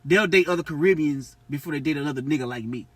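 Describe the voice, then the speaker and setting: Loud, fast-talking young man, animated and profane. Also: dry recording, far from the mic. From United States. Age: young adult. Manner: loud, animated and profane, with sudden high outbursts. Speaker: podcast co-host. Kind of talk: heated casual podcast talk.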